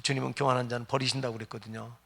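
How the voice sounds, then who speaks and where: A man's voice: mid-range voice, flat delivery, racing, creaky, bright, forceful tone, breathy edge. A middle-aged man preaching a sermon as pastor, emphatic and firing rhetorical questions at the congregation.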